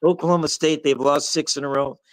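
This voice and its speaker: A man's voice: on the high side, steady tone, a little fast, no room sound, poor audio. Older man grumbling about sports, dry sound. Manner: grumbling, sarcastic, restarts often. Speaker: sports talk panelist. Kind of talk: casual sports banter.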